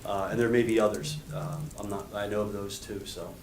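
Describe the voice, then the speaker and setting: A man giving quick informal replies as a contractor at a meeting, in an echoey room. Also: fairly low pitch, steady tone, darkish tone. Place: indoor council meeting room. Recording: echoey room with faint noise.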